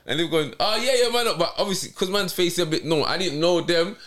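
A man's voice: a little high, a little fast, fairly bright tone. A man with a South London accent in a casual interview, telling anecdotes in street slang. He keeps tagging his points to check he is understood. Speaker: interview guest, boxer.

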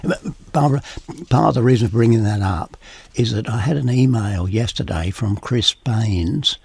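A man hosting a podcast, chatty and relaxed, husky from a summer cold, giving practical gardening advice. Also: lowish voice, moderate pace, no room sound. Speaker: podcast host. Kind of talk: casual gardening chat.

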